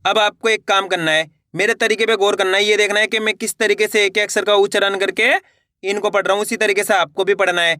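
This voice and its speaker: A man's voice: high voice, fairly even intonation, fairly quick, pushed and bright, dry recording, clean studio sound. A man teaching Hindi reading, who sounds out words syllable by syllable and encourages his viewers to keep trying. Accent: Hindi (Indian). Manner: stretches each word syllable by syllable, then repeats it; encouraging, addresses viewers as friends. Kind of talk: slow word-by-word reading lesson.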